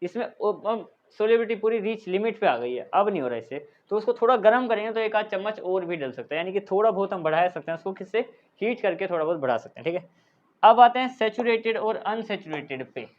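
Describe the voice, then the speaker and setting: A man teaching a school science class, talking the students through each step and pausing to dictate definitions as he writes. The recording sounds a little dull and muffled. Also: high voice, animated. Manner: explanatory, repeats "thik hai" as a check-in; dictates English definitions slowly while writing. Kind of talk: classroom lecture.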